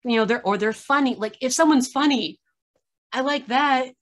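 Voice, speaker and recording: A woman's voice: high voice, moderate pace. A tired woman chatting casually over a video call, giving a candid critique and laughing often as she complains. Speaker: podcast reviewer.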